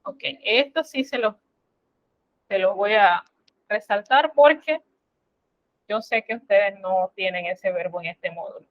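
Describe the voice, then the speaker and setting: A woman with a mid-range voice teaches a French class online, explaining things step by step. She is slow, patient and instructive, addressing her students formally. The audio is dull, with no echo.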